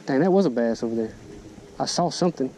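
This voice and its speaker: A twenties fishing vlogger from Alabama chats folksily in a Southern accent from a small boat on a river, recorded on an action camera at arm's length or on his chest. His mid-range voice is warm and expressive, and he talks quickly in casual commentary. The outdoor boat recording is noisy.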